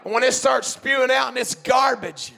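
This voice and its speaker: A man preaching a sermon in a church, fervent and shouting in bursts, punctuated with amens and hallelujahs. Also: extremely high pitch, normal speed, gravelly.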